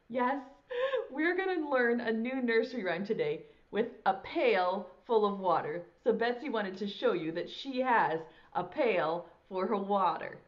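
A woman's voice: fairly high pitch, lo-fi sound. A middle-aged woman leading a children's nursery-rhyme lesson in a broad, singsong, theatrical way. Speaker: preschool teacher hosting a children's circle time. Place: small indoor classroom set. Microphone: lapel mic.

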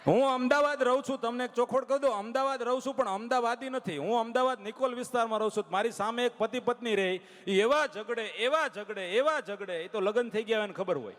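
A man's voice: extremely high pitch, steady tone, fast talker, hardly any pauses, a bit bright. A man telling jokes on stage as a comedian, spinning stories and urging the audience to clap. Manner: storytelling, urges audience to applaud. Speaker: stand-up comedian. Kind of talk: live stage joke-telling. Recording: long hall reverb.

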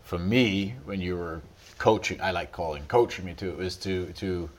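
A man's voice: low voice, normal speed. A man, a guest on a podcast, speaking casually and a little hesitantly. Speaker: podcast guest, guided angler.

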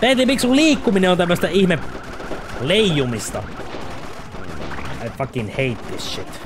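A young man giving gameplay commentary, excitable, shouting and swearing and mixing in English phrases. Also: high voice, background noise. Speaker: let's play gamer. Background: game music.

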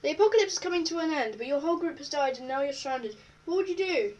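A woman's voice: sits high, expressive, fast talker, darkish tone, distant mic, muffled recording. A woman vlogging casually at home, reading quiz questions aloud and answering them offhand. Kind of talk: casual chat while taking an online quiz.

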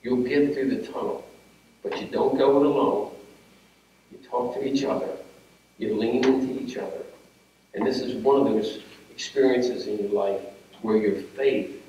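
In a funeral home chapel, a man of medium pitch officiates a funeral, preaching earnestly and conversationally with restarts. The audio has its highs cut off and sounds very echoey and distant, with a faint room hum.

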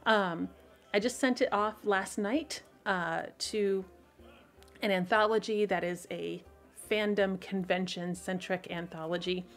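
A woman's voice: medium pitch, fairly even intonation, unhurried, soft background music. A woman author hosting her weekly livestream, talking casually and rambling to viewers with many fillers, restarts and frequent laughter. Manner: laughs often between thoughts.

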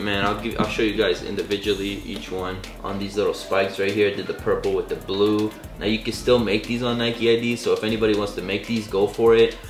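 A young Californian man with a low voice that is starting to go, chatting in a relaxed, slangy way with lots of filler words. He is recorded in an echoey room, with faint music playing underneath. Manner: relaxed, enthusiastic, slangy talk with many fillers. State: losing his voice. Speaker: sneaker vlogger. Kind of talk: casual vlog show-and-tell.

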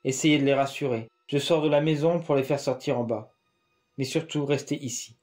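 Narrator doing a steady grown man giving orders, firm, mellow tone. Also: medium pitch, brisk, close to an everyday voice. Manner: firm, instructive. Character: calm helpful adult man, neighbor Laurent.

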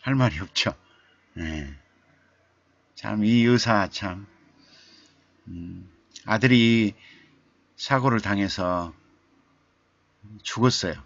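A man hosting a live-streamed literature talk, telling a story in an unhurried way with many fillers and rhetorical questions. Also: lowish voice, vocal fry, dry recording. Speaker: literature talk show host. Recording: dull lo-fi streaming mic.

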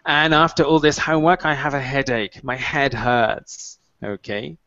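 A man in his thirties teaches a short online English lesson over a headset on a video call from a small room at home. His mid-range voice holds a steady tone that sounds pushed and bright, and he is clear, patient, and encouraging, modeling phrases slowly. The call audio is dull and dry.

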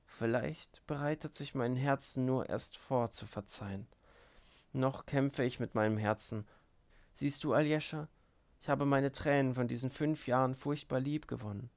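A stormy, passionate young woman from a classic novel, spoken by a male reader with a gravelly voice who barely shifts it. she broods and taunts by turns, in a measured audiobook delivery. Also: mid-range voice, close to an everyday voice.

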